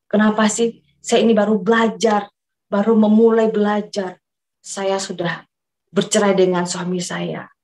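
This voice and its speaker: A woman's voice: medium pitch, darkish tone, poor audio. A woman from East Java, Indonesia, giving a personal religious testimony, telling her story earnestly and often addressing her listeners as brothers and sisters.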